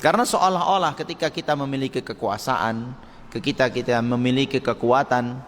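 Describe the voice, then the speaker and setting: A man teaching a mosque study circle. He talks in a lively way, acts out short quoted lines and chuckles often. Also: mid-range voice, brisk. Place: mosque hall. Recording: long hall reverb with faint noise.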